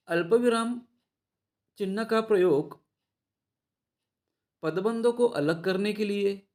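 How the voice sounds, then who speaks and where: A man teaching an online Hindi grammar lesson in a measured way, speaking to his students directly. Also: high-pitched, a little mellow. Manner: measured, addresses the students often.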